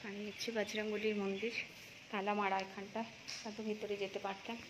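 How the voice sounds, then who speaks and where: A woman's voice: medium pitch, flat delivery, a little fast. A woman vlogger with a Bengali accent, chatting casually to her viewers as she films around her home and a temple. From India. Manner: chatty, addresses viewers as friends; speaks softly inside the temple. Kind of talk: casual vlog narration. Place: temple and home, partly outdoors. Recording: noisy phone audio with ambient sound.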